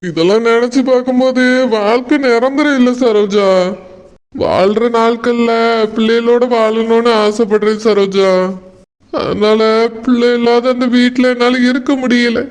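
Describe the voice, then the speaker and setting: A man voicing a gentle, worried village husband lying in a hospital bed in a cartoon, with a Tirunelveli Tamil accent, talking weakly and sorrowfully. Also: extremely high pitch, fairly even intonation, a little slow. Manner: weak, sorrowful, soft-spoken. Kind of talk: cartoon voice acting. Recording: long reverb.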